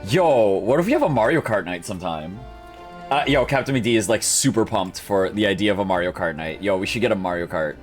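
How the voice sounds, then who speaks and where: A man streaming a game, chatting casually in a slangy, excitable way. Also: fairly low pitch, fairly quick, soft background music. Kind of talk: excitable casual chat during a playthrough.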